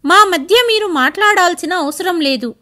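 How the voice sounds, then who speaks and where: A woman voicing an angry grown son who speaks in sharp outbursts. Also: very high-pitched, animated, normal speed, voice pushed up, exaggerated voice. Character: grown son, hot-tempered and scornful.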